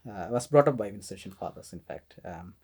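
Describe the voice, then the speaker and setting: A man's voice: low-pitched, expressive, a little fast, breathy edge. A middle-aged priest from Kerala, India, with an Indian accent and Malayalam as his first language, talking casually and hesitantly as a podcast guest. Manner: soft-spoken, hesitant with many fillers, laughs often. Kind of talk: casual interview conversation.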